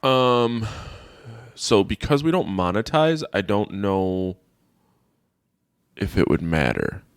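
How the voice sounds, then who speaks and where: A man co-hosting a podcast in casual chat, relaxed and agreeable, often trailing off mid-sentence. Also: lowish voice, slow, clean tone, dry recording, clean studio sound. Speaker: podcast co-host.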